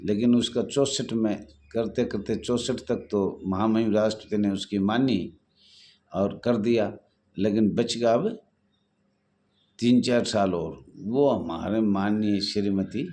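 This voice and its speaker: A man's voice: fairly low pitch, darkish tone, slight background noise. A man leading a home guard association, talking earnestly and repetitively to supporters in a live online talk over his phone.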